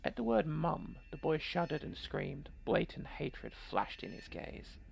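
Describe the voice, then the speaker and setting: Here a woman plays through a game, narrating the story and breaking in with casual, sweary, irreverent jokes. Her creaky, slightly rough voice sits low but swings widely in pitch, and she keeps a measured pace.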